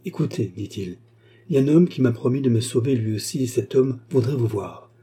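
A troubled young man murmurs hesitantly, read by a man. The voice is dark and mellow, with a slight huskiness. It has the plain feel of an audiobook character. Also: medium pitch, fairly quick, creaky, slightly rough.

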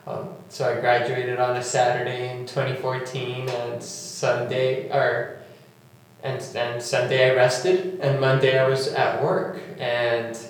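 A young man from Nicaragua and Honduras speaks earnestly in an oral history interview, his pace slow and his pitch staying flat. He leans on frequent fillers as he talks. The recording is heavily echoey, with a faint hum beneath it. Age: young adult. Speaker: university staff member and alumnus.

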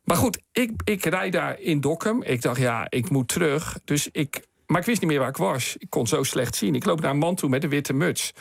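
Gravelly husky man telling a story. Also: on the high side, moderate pace, hardly any pauses, dry recording, clean studio sound. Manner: animated storyteller acting out quoted people. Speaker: studio guest. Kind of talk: spoken anecdote on night radio. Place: radio studio.

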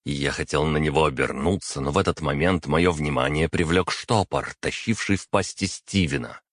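A man narrates a first-person fantasy audiobook in a steady, measured way. His voice is extremely deep, and the recording is dry and close with no room sound. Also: no room sound.

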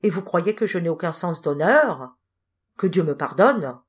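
A proud, penniless young thief-poet defends his honour with rising heat, read by a woman in an audiobook. His voice is low and pointed. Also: expressive, a little slow. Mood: indignant. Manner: indignant, heated.

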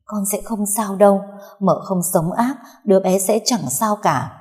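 A woman's voice: medium pitch, measured pace, a little mellow, pitched above the performer's own voice, lightly acted. A woman voicing a young wife in her twenties who pleads desperately in a storybook reading. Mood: hopeful. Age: 20s.

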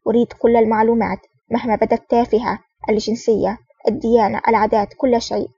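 A woman reading the lines of a stern, terse male secret agent in a curt, commanding manner, in a fast, flat reading voice. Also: fairly high pitch, slightly rough, dry recording. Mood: serious. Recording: dull, distant, dry recording.

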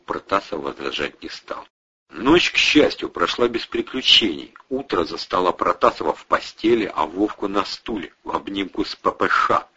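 Male audiobook narrator, very deep and husky, bright edge, measured reading, dull lo-fi sound. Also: expressive.

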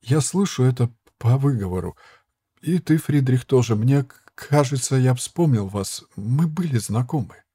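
A man voicing a calm young monk who speaks quietly and gently, with a slight stammer. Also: medium pitch, normal speed, slightly rough, no room sound. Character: calm young monk Tomas, soft-spoken.

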